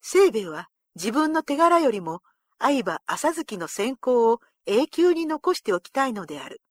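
Expressive woman reading a historical story. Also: on the high side, a little slow, no echo, studio quality. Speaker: narrator. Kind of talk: storybook narration.

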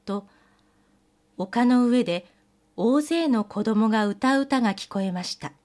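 A woman telling an old fairy tale in gentle storybook narration with old-fashioned polite phrasing. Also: on the high side, lively intonation, a little slow.

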